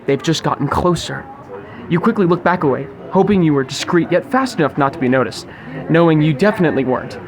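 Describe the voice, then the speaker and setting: Fast and expressive, a young man with a slightly high voice hosts his podcast from a crowded sushi restaurant. His script is wordy and mock-formal, with a grandiose flair, while restaurant chatter surrounds him.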